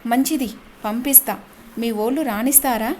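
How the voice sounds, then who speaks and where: A woman voicing a kindly middle-aged village housewife, speaking softly and coaxingly. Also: a little high, moderate pace, slight background noise, lightly acted. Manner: soft, coaxing.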